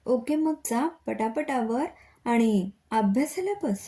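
A woman voicing a fussing middle-aged mother who gently scolds and teases her children in a story reading. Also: fairly high pitch, takes it slowly. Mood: teasing.

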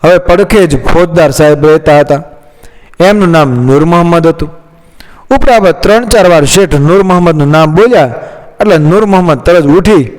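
A man narrating a moral folk tale in a measured, plain reading. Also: fairly high pitch, darkish tone. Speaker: storyteller. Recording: long hall reverb.

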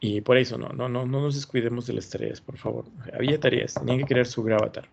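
A man's voice: mid-range voice, fairly even intonation, quick pace, vocal fry, a little hiss or hum. A man teaching an online class, thinking aloud and encouraging as he reviews students' work. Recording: dull lo-fi sound.

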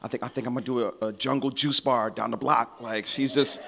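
A man's voice: medium pitch, brisk, gravelly. A young man, the bride's cousin, giving a chatty, upbeat wedding toast full of "like" in a reception hall. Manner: energetic, chatty, lots of "like".

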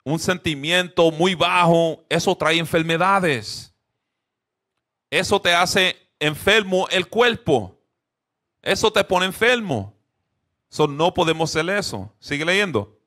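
A man teaches a Bible lesson in an animated, conversational way. His voice sits a bit high, and he keeps checking in with his listeners. He slips English fillers into his speech. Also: slow. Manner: drops English fillers into Spanish.

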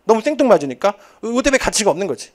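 A man's voice: high voice, very animated, very fast. A man in his thirties teaching a TOEIC class in a classroom, joking and chatty with rambling asides. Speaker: TOEIC instructor. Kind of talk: lively classroom lecture. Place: lecture classroom.

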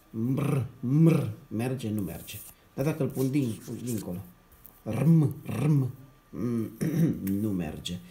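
A man teaching young children a reading lesson. He sounds out syllables slowly, repeats them, and keeps checking in with the class in a patient, encouraging way. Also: medium pitch, creaky, warm tone. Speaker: primary school teacher.

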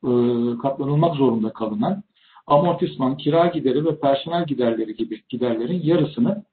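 An older man gives an explanatory webinar presentation over a video call, formal and deliberate, with hesitant pauses. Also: medium pitch, a little hiss or hum. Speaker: tax expert presenting at a webinar. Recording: thin, phone-like webinar audio.

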